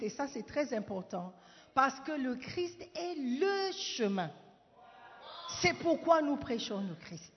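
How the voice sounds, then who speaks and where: A woman from Ghana preaching a sermon, putting questions to the congregation, moving between French and English and rising at times to shouting. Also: on the high side. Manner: rises to shouting declarations. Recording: dull echoey hall sound.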